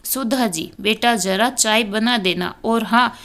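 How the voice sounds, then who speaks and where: A bossy middle-aged mother-in-law from a storybook scolds and mocks, as a woman narrator voices her. The delivery is slow, with a sarcastic edge. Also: fairly high pitch, fairly bright tone. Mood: scolding.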